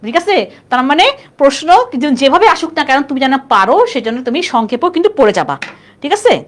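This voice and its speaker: A young woman tutoring for an admission test teaches a live online class in a high-pitched, fairly bright voice, speaking fast and animatedly. She's chatty and keeps quizzing her students with "clear?"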